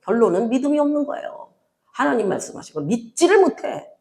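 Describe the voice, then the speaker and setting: An older woman pastor delivers a sermon in a bright, fairly high voice that swings widely in pitch. She talks to the congregation as if chatting. She tells stories and acts out the back-and-forth in them. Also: fast. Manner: animated storytelling, acting out dialogue in different voices; conversational and chatty, speaking directly to the congregation.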